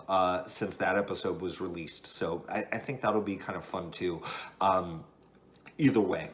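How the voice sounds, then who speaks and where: A man hosting a wine vlog, tasting and reviewing wines in a relaxed, rambling way with frequent ums and uhs. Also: low voice.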